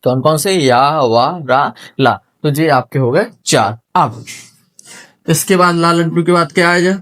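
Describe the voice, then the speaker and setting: A man's voice: a little high, unhurried, fairly bright tone. A man teaching a classroom lesson at a whiteboard, sounding out syllables one by one and quizzing his students.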